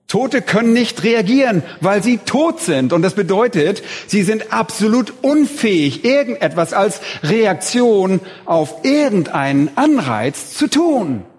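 A man's voice: high-pitched, sing-song, unhurried, breathy edge. A man preaching a sermon in an emphatic way, rising on key words. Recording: reverberant hall.

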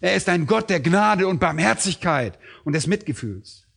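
Emphatic male preacher, fairly high voice. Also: animated, moderate pace, vocal fry, a bit bright. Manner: emphatic, rhetorical. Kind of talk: expository sermon.

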